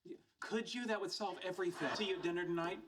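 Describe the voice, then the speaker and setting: A man's voice: high-pitched, steady tone, quick pace, natural voice. An actor playing a pedantic, socially oblivious nerdy man in a sitcom, with a prim, formal, robotic way of talking. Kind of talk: sitcom acting. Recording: noisy played-back TV sitcom clip.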